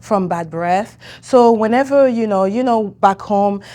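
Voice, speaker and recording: A middle-aged woman from the Democratic Republic of Congo talks as an interview guest. She speaks earnestly at a middle pitch, often restarting her sentences as she explains her work. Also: measured pace, mellow. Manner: earnest, many restarts and fillers. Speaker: dentist and clinic owner, guest. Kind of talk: interview conversation.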